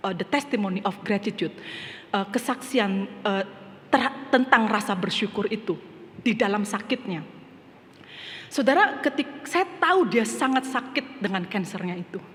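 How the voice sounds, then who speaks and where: A middle-aged woman pastor from Indonesia preaching a sermon, telling a personal story and rising to loud, emphatic passages, mixing English phrases into her speech. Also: medium pitch. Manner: storytelling, swells to loud emphatic preaching, drops to soft asides. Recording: long hall reverb with faint background noise.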